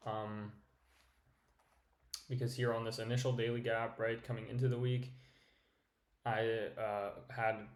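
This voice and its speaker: A man's voice: mid-range voice, little pitch movement, a little slow, long pauses. A man hosting a casual trading recap, rambling with lots of fillers and "right?", sounding tired. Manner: rambling, filler-heavy, says "right?" often. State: tired, yawning. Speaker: trading channel host. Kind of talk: casual screen-share market recap. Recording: echoey room with faint noise.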